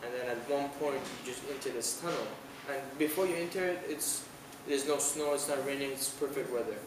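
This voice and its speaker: This is a young Iranian man with a mid-range voice who talks fairly quickly during an informal interview outside on an island, a city nearby. His answers are halting, full of restarts and filler words. Distant outdoor camera audio makes it noisy and roomy.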